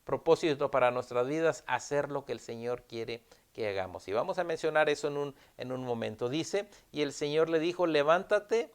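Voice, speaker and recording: A male pastor preaches an earnest sermon, returning again and again to his key phrases and bridging gaps with a drawn "ah". His voice is smooth and resonant, pitched a little above the usual for a man. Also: expressive, moderate pace.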